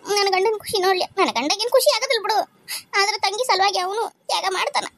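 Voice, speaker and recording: A woman's voice: very high-pitched, fast talker, fairly bright tone. A woman voicing a crying young daughter-in-law. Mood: tearful. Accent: North Karnataka Kannada. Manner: tearful, pleading, respectful. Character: young daughter-in-law, tearful and self-sacrificing. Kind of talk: cartoon family drama voice acting.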